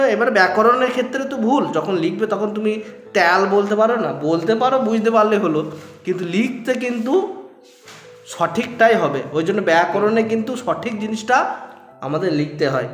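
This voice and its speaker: Man, teacher, West Bengal Bengali accent, high voice, echoey room, faint music behind. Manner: explains with everyday examples and questions. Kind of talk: grammar lesson to students.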